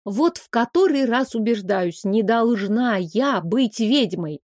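A woman reading a first-person fantasy story aloud in a lively, wry storytelling manner. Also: on the high side, takes it slowly, no echo, clean studio sound. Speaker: audiobook narrator.

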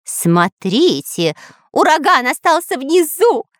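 A woman voicing an excitable, cheeky little male spy who shouts in a shrill, brash way. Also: slow, no room sound, studio quality.

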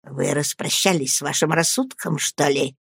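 A man reading an audiobook voices a sly, falsely humble young man who speaks softly, slowly and ingratiatingly. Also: fairly high pitch, animated, no room sound, studio quality. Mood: hushed, reproachful. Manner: soft, slow and ingratiating.

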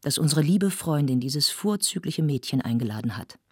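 A woman's voice: sits low, animated, normal speed, slightly rough, dry recording, studio quality. A woman reading a novel aloud, voicing a refined noblewoman who speaks in a polite, accommodating way. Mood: gracious. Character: refined, gracious noble lady.

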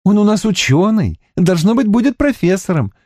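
A man reading the part of a hopeful young woman, the youngest sister, in an audiobook, lifting his voice higher. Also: very animated, moderate pace, a little mellow, no echo, clean studio sound. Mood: eager.

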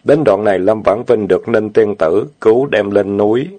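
A man narrating an audiobook novel in a steady, plain reading. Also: on the low side, moderate pace, no room sound. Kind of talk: storytelling narration.

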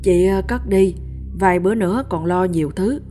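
A caring village woman presses her help on a neighbor, as a storyteller puts her on. She talks fast and insistently in a low, mellow voice, with faint music behind her. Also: natural voice. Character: narrator's mother, brisk caring village woman.

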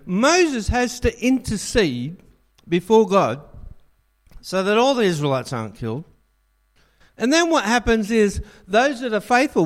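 A man delivers a sermon in a church, joking and telling stories as he preaches. His voice sits high for a man and swings widely in pitch. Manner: jokey, animated storyteller.

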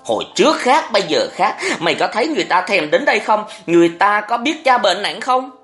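A woman's voice: medium pitch, very animated, brisk, a bit bright, faint music behind, voice pushed up. A narrator voicing a bitter, suspicious young mother who scolds her brother in an audiobook. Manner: scolding, reproachful. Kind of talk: audiobook character reading.

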